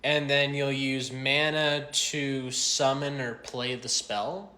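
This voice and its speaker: A man's voice: medium pitch, level tone, slow pace, pushed and bright. A man in casual comedy sketch dialogue, speaking as a card game player. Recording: roomy echo.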